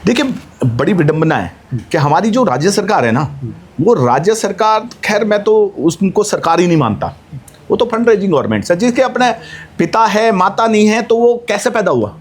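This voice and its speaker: A man's voice: sits high, very animated, normal speed, slightly rough. A man speaking as an activist guest, making a rousing, rhetorical appeal that climbs to emphatic peaks. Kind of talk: impassioned interview speech.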